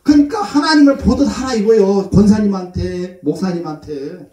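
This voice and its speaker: A man's voice: high-pitched, normal speed, dark tone. A middle-aged man preaching as a pastor, telling stories in a folksy way and acting out other people's voices. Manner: folksy storytelling, acts out his mother's voice. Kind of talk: sermon. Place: church. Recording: echoey church hall, voice from far off.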